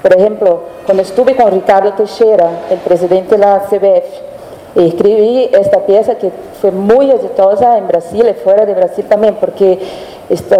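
A woman's voice: medium pitch, mellow. A woman journalist with a Brazilian Portuguese accent, speaking a Spanish-Portuguese mix and searching for words as she answers on a panel. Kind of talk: spontaneous panel talk. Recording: echoey hall with long reverb.

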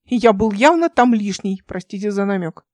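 A woman's voice: mid-range voice, animated, moderate pace, a little mellow, no echo, clean studio sound, natural voice. A woman reading an audiobook voices a young male captain who speaks in a clipped, insistent way. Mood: tense.

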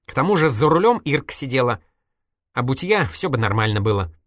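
A woman's voice: a bass voice, big pitch swings, brisk, dry recording, clean studio sound, pitched above the performer's own voice, full character voice. A reader voicing a stubborn teasing young woman. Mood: needling. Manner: needling, reproachful. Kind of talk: audiobook character voice.

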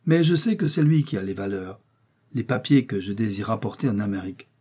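A man voicing a boastful, excitable American detective who speaks French with an American accent, drawing out his words with emphasis. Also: lowish voice, slightly rough. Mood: assured. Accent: American English speaking French. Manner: emphatic, drawn-out, proud. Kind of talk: audiobook character reading.

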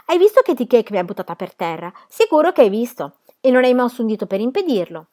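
A woman's voice: very animated, quick pace, darkish tone. A woman reading a novel aloud, voicing an indignant diner owner who scolds her husband. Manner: scolding, shrill.

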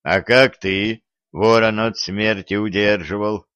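A man's voice: fairly low pitch, fairly even intonation, unhurried, fairly bright tone, dry recording. A man doing a wry, wounded sorcerer. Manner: hoarse, wry.

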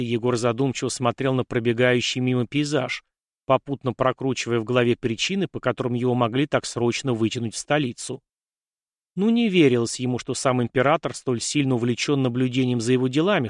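A man narrating an audiobook in a steady, even storytelling manner. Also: mid-range voice, brisk, no echo, clean studio sound.

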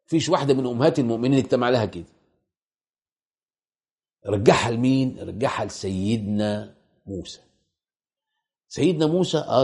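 Egyptian man preaching, rapid gravelly delivery, repeats himself for emphasis. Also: mid-range voice, darkish tone. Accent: Egyptian Arabic. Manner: rhetorical questions and emphatic repetition. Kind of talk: colloquial religious lecture.

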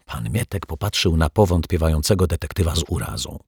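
A man reads a children's story aloud at a slow, unhurried pace. His voice is very low and gravelly, with a husky edge, recorded close in a dry space. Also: animated, a little mellow, no echo. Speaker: narrator. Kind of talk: audiobook reading for children.

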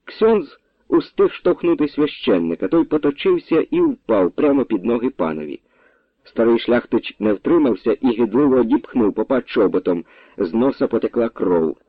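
A man narrating an audiobook with an expressive, storytelling delivery. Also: mid-range voice, moderate pace, breathy edge, no room sound. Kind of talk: dramatic audiobook reading. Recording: dry, tinny phone-like sound.

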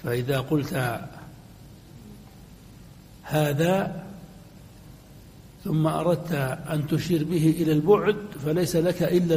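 A man's voice: fairly high pitch, warm tone, slight background noise. Man teaching in a long echoing hall. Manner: measured, spells out examples slowly. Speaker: grammar teacher. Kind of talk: recorded classroom lecture.

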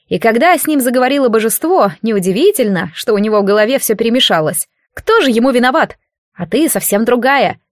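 A woman's voice: a little high, no room sound, studio quality, lightly acted. A woman reading an audiobook and voicing a cheeky, shape-shifting child god in the form of a young boy, petulant and teasing with a grown-up edge. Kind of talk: audiobook character voice.

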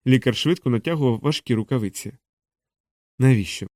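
A man reads an audiobook in a measured, steady voice, close on a studio mic. His tone is dark and mellow. The recording is dry, with no room sound. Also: mid-range voice, no room sound. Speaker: audiobook narrator. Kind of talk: scripted audiobook narration.

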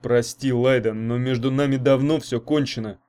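A man's voice: medium pitch, steady tone, moderate pace, mellow, clear, resonant tone, close to an everyday voice. A man reading an audiobook, playing a slippery young man, a liar and thief, who talks defensively and flustered.

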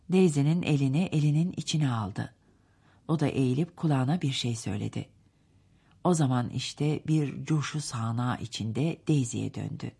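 A woman reading a novel aloud as an audiobook narrator, measured and unhurried. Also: low voice, mellow, breathy edge.

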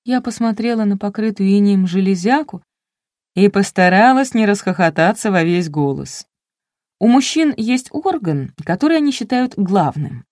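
A woman's voice: medium pitch, lively intonation, moderate pace, darkish tone, dry recording, studio quality. A woman narrating a first-person audiobook in a wry, ironic storytelling manner.

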